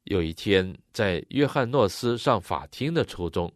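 Low, lively male sermon interpreter. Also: moderate pace, no room sound, clean studio sound.

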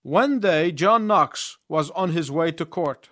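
A man's voice: a little high, lively intonation, a bit bright, no echo. Male preacher, phrase-by-phrase storytelling sermon, light voice, close dry sound. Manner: storytelling, pausing in short phrases for the interpreter. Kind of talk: sermon with live interpretation.

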